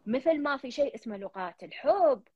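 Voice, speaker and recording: A woman's voice: high-pitched, expressive, brisk, a little mellow, a little hiss or hum. A woman host with a Gulf Arabic accent counseling a caller in earnest, repetitive talk, slipping English fillers in. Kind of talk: counseling call-in chat. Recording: dull lo-fi dry sound.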